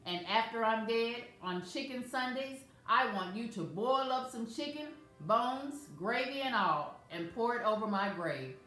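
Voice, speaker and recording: A woman's voice: a little high, expressive, measured pace, few pauses, fairly bright tone, pitched above the performer's own voice. Woman reading as a folksy elderly grandmother figure. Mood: loving. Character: warm elderly woman, joyful and devout. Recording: very echoey room, faint music.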